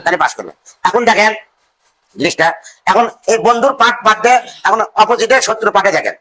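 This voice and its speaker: A male teacher leading a classroom drill, calling out phrases in a slow sing-song and having the class repeat them. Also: sits high, lively intonation, slight background noise. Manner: slow sing-song drilling, stretched words and loud cues. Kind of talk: call-and-response classroom drill.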